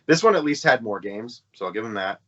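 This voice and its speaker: A man's voice: medium pitch, expressive, brisk, bright, forceful tone. A man co-hosting a gaming podcast, chatting casually and rambling with plenty of fillers and restarts. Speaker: podcast co-host. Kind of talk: casual chat. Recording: dull lo-fi podcast audio.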